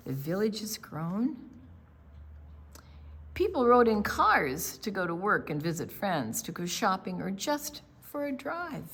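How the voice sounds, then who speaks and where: Reading a picture book to small children, a storytime reader speaks in a husky, mid-range voice. She takes a deliberate, expressive approach and makes casual asides about the pictures along the way.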